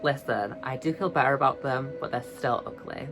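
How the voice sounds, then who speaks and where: Talking a little fast over background music, a young woman from the UK vlogs in a light, high, girly voice. She's chatty and self-deprecating, drawing out words to emphasize them.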